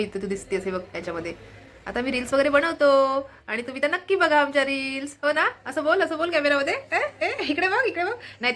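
A woman's voice: fairly high pitch, fairly bright tone, a little hiss or hum. A young woman chatting casually to her viewers at home as a family vlogger, laughing often and cooing at her pet bird. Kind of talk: casual chat to camera.

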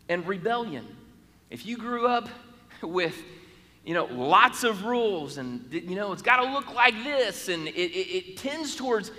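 Bright, high-voiced male pastor preaching. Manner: emphatic, repetitive, with halting restarts. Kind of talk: sermon. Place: church sanctuary. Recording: long church hall reverb.

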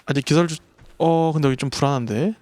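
Excitable man streaming a dinosaur game. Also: on the high side, fast, no room sound. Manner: excitable, yelps and swears when startled; talks to the creatures and the chat while playing. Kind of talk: live gameplay commentary.

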